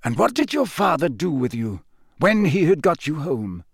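A man voicing an elderly male wizard headmaster, measured and soft-spoken yet commanding. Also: fairly high pitch, very animated, husky, no room sound, studio quality, voice pushed up, full character voice. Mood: gentle interrogation.

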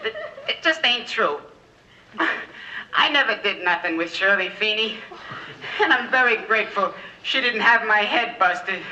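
An actor playing a sheepish male greaser who makes a halting, stammering announcement over a factory loudspeaker. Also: high-pitched, animated, full character voice. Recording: distant lo-fi PA, crowd behind.

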